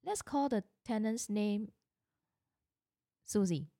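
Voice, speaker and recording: A woman's voice: mid-range voice, expressive, slow pace, mellow, no room sound, clean studio sound. A middle-aged woman, a real estate agent, telling a personal work story in an earnest way, often restarting and correcting herself.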